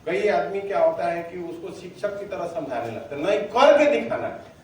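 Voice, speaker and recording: A man leading a motivational sales training on stage, energetic and drilling his audience to answer loudly. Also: high voice, moderate pace, slight background noise. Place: hall with a stage. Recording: very echoey hall, voice from far off.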